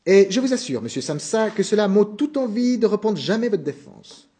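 Stern formal manager, raised and lively voice, a male reader putting him on for a storybook. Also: sits high, normal speed, pitched above the performer's own voice. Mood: scolding. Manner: scolding, formal, indignant. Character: stern middle-aged male office manager.

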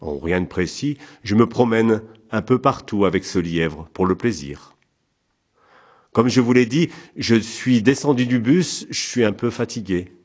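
A man's voice: lowish voice, lively intonation, measured pace, darkish tone, voice pushed up. A man reading the part of a polite, weary male traveller, in a mild, easygoing, hesitant way.

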